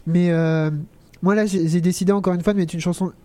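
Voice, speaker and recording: A woman's voice: lowish voice, steady tone, a little fast, dark tone, no echo. A woman co-hosting a radio show, teasing her colleagues in casual studio banter.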